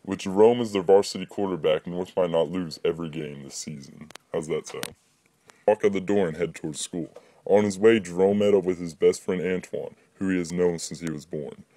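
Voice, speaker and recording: A young man reading his own short story aloud, lifting his voice for the dialogue. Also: warm tone. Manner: plain reading, voices dialogue with higher pitch.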